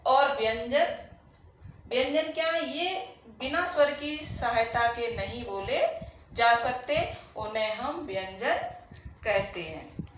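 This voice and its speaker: A woman's voice: a little high, takes it slowly, a bit bright. A woman teaching a grammar lesson. She asks questions and answers them herself, and she repeats the key points. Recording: very echoey room, faint background noise.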